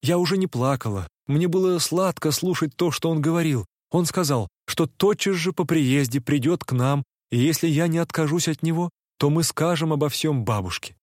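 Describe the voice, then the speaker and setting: A man voicing a heartbroken young woman, pleading in a breathless voice that climbs high. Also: moderate pace, few pauses, darkish tone, no room sound, clean studio sound, close to an everyday voice. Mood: tearful, desperate.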